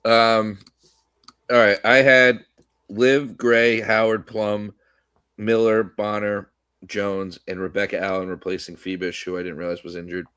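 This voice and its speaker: A man co-hosting a sports podcast, rambling in casual chat with lots of restarts and fillers, slightly hoarse from coughing. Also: fairly low pitch, level tone, a little slow, fairly bright tone, no room sound, studio quality. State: coughing today. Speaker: podcast co-host.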